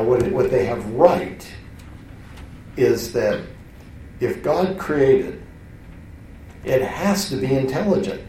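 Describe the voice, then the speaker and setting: A man's voice: mid-range voice, warm tone, slight background noise. A man teaching a class in a conversational, self-interrupting way, often restarting his sentences. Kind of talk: lecture to a class. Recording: roomy hall, voice from far off.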